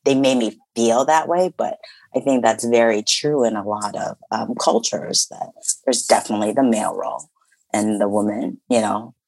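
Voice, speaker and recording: A woman's voice: extremely low pitch, moderate pace, vocal fry, darkish tone, dry recording. A woman from the Chicago area in casual conversation, talking reflectively in a chatty way with many fillers. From Chicago area, USA.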